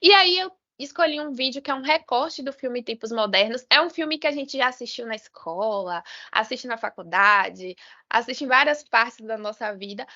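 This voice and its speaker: A high, bright-voiced woman with a Brazilian Portuguese accent lectures a live online sign language class. She explains step by step, often checking in with a questioning tag and correcting herself mid-phrase. Her voice comes through dull, lo-fi video call audio. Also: expressive, moderate pace. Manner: explanatory, frequent "né?" tags and self-corrections.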